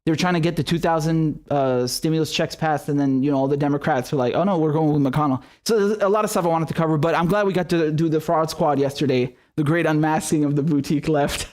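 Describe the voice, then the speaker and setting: The host of a live political commentary stream, this young Syrian man rants fervently and curses between rapid asides. His voice runs on the high side, with a darkish tone.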